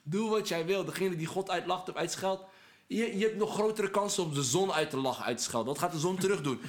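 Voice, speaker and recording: This high-pitched man talks briskly as a podcast guest, earnest and persuasive as he preaches about patience and anger. His casual conversation slips Arabic religious phrases in among his words.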